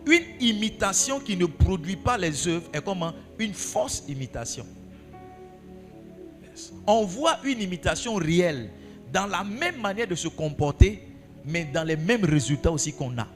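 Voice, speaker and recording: A man's voice: sits high, very animated, unhurried, big-room sound, soft background music. A male pastor preaching a sermon, asking his congregation questions and repeating key phrases for emphasis.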